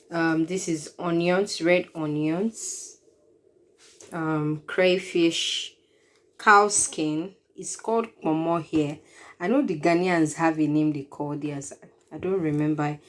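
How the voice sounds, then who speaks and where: A woman, chatting casually as she walks viewers through a cooking demonstration and explains each ingredient. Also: deep voice. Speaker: cooking vlogger.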